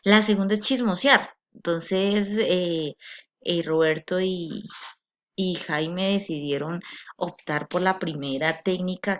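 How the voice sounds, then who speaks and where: A woman teacher giving a recorded class and explaining patiently, with frequent tag questions to check in with her students. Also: lowish voice. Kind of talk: recorded online class lecture.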